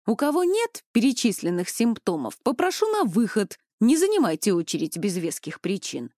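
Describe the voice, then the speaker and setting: Woman voicing a calm, measured village medic. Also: medium pitch, no room sound, clean studio sound, natural voice. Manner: calm but loud, measured. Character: calm village medic man, patient and authoritative.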